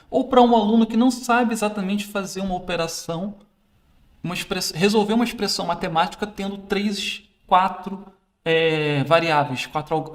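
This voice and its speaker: A man with a fairly high voice leads a casual instructional demo. He is a teacher trainer handling a classroom teaching aid as he explains it, correcting himself along the way.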